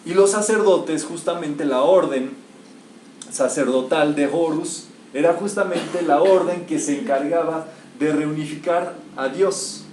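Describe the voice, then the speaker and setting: Guy lecturing a room on spiritual stuff, bit high voice, asks the crowd questions, echoey and far from the mic. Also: a little slow, noisy background. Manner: emphatic, asks the audience rhetorical questions. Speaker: metaphysics teacher. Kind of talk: spiritual lecture to a live group.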